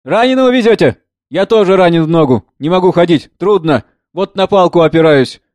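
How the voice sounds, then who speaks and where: A man reading the part of a wounded peasant with a hoarse, mocking voice. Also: high-pitched, lively intonation, a little fast, darkish tone, no echo, voice pushed up. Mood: rough, mocking.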